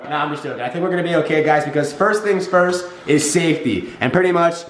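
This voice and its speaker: A man's voice: a little high, quick pace. A young man talking casually and slangily to his viewers as a vlog host. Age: young adult. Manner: slangy, addresses viewers directly. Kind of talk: casual vlog talk to camera. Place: indoors in rooms and kitchen of a large house. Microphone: handheld camera at arm's length or set nearby. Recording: echoey indoor room, faint music underneath.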